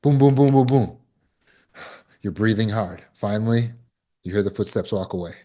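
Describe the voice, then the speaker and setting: A man's voice: fairly low pitch, moderate pace, mellow. A man giving a conversational self-help talk as a trauma recovery coach, acting out scenes and quotes as he goes.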